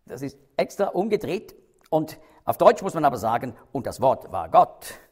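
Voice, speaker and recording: A man's voice: medium pitch, sing-song, moderate pace, a little mellow, husky. A man teaching a Bible study, explaining carefully, stressing key words and checking in with his listeners.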